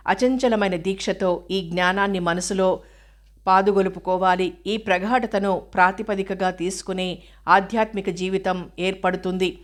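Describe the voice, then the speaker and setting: Woman reading scripture commentary. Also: mid-range voice. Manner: measured, explanatory reading with rhetorical questions. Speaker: spiritual commentator.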